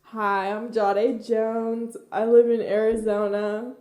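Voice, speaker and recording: A woman's voice: fairly high pitch, flat delivery, slow pace, dark tone. Giggly seventeen-year-old girl, roomy sound. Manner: giggly, easygoing. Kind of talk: casual group podcast chat. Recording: roomy echo.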